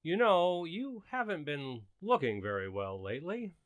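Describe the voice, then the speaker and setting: A man's voice: on the high side, sing-song, normal speed, clear, resonant tone, dry recording. A man playing an earnest, fussy suburban husband and father in an old-time radio sitcom. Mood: concerned.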